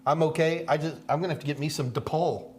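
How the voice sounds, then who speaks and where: Higher-voiced man hosting a livestream. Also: fairly even intonation, quick pace. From Houston, Texas area. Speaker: host of a live Q&A stream. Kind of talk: casual livestream chat. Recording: clear background noise with hum.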